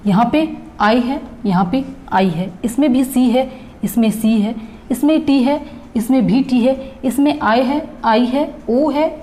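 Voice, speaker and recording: Woman, teacher, patient step-by-step explanation, spells out letters, warm tone. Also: a little high. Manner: patient, addresses viewers as friends, repeats and spells out letters. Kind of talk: explanatory reasoning lesson.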